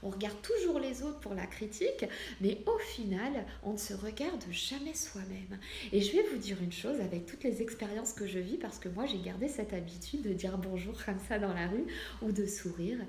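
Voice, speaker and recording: A woman in her forties from France, with Portuguese family roots, is a medium addressing her online followers in an earnest, emphatic, conversational way, like a casual motivational vlog. Her medium-pitched voice is animated and a little mellow at normal speed, with roomy echo and clear background noise.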